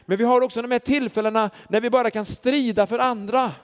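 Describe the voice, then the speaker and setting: A man's voice: very high-pitched, steady tone. A man preaching a sermon, telling stories earnestly with lots of fillers. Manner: earnest storytelling with many fillers. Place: church hall. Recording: long church hall reverb.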